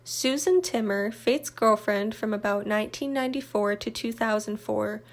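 A woman narrating a true crime update in an even, matter-of-fact scripted read. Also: mid-range voice, normal speed.

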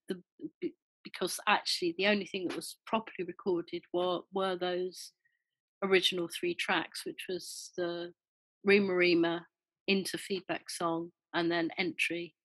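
A woman's voice: fairly low pitch, steady tone, normal speed, fairly bright tone, no room sound, poor audio. An older woman, a former band member, talking casually in an interview, rambling with many fillers and restarts.

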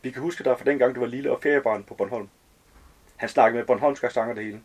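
A man's voice: medium pitch, slightly rough. A man reading as a chatty, nosy fortyish guy. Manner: rambling, slangy, overly familiar.

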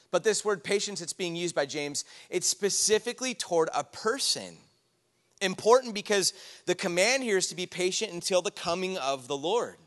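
A pastor with a high-pitched, fairly bright voice preaches a casual, conversational sermon in a church sanctuary, full of personal stories, chatty asides and fillers. The church hall gives the recording a long reverb.

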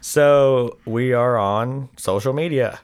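A man's voice: medium pitch, takes it slowly, smooth. A man co-hosting a podcast, telling a story in a rambling, joking way and swearing freely. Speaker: podcast co-host. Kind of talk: casual podcast chat.

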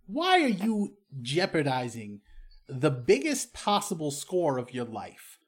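A man's voice: a little high, huge pitch swings, takes it slowly, husky, full character voice. A man playing an exasperated crime crew leader in a tabletop game, stern and lecturing. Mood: persuasive.

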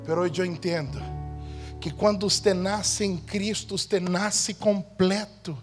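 Fiery high-voiced male preacher. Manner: animated storytelling with shouted exclamations. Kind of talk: sermon.

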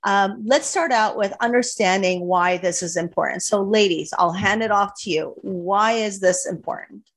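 A woman's voice: medium pitch, moderate pace. A woman hosting an interview podcast, introducing her guests in an upbeat, welcoming way. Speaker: podcast host.

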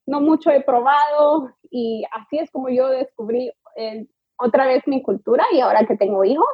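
A middle-aged woman, a native English speaker, talks as an interview guest in a chatty way. She restarts often and fills pauses with little sounds. Her voice is a bit high and husky, and the recording is dry and muffled. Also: no room sound. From United States. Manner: chatty and warm, with many fillers and restarts. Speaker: guest, immigration lawyer. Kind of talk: conversational interview.

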